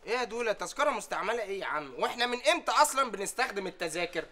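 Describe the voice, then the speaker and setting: An actor playing a dim-witted, boastful young bazaar worker with an Egyptian accent, talking fast and cheerfully in a sitcom. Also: male voice, high-pitched, lively intonation, sharp tone, a little hiss or hum. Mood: teasing. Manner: fast, chirpy, jokey. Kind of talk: sitcom acting. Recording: sitcom studio with laugh track.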